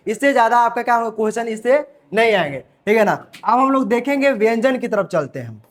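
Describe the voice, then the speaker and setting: A man teaching a grammar lesson, repeatedly asking questions and answering them himself, sounding out letters aloud as examples. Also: very high voice. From India. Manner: repetitive call-and-answer questioning. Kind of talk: classroom lesson.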